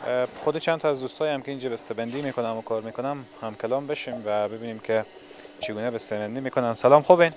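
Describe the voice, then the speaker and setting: A man with a medium-pitched voice works as a television reporter. He interviews people on location in a large factory hall, holding a handheld microphone.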